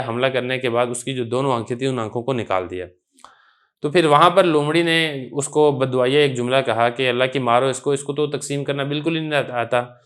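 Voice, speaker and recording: A man's voice: medium pitch, fairly bright tone. A man teaching a lesson, patiently explaining an Arabic story line by line and asking himself questions as he goes.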